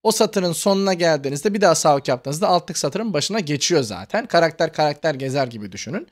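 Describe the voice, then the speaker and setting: Lively high-voiced man explaining a tutorial. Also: quick pace. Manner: explanatory, chatty, keeps addressing viewers as friends. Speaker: tutorial host. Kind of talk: screen-recorded computer tutorial.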